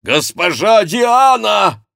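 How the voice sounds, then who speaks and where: A man's voice: sits high, very animated, very slow, vocal fry, no room sound, studio quality, voice pushed up, exaggerated voice. A man voicing a furious, jealous older nobleman who bellows from a distance. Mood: furious shouting. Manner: desperate bellowing shout.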